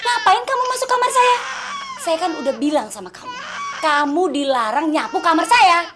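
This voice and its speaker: An actress playing a jealous young mother who shouts at her maid in a tearful, scolding voice. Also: high voice, big pitch swings, moderate pace, noisy background. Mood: angry scolding. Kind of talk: TV soap drama.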